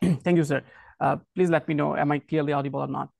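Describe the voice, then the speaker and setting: Young man, student guest, earnest, hesitant, gravelly, dry close sound. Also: on the high side, steady tone, quick pace, darkish tone, no echo. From Bangladesh. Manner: earnest, hesitant, apologetic about his English. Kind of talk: self-introduction in an online class.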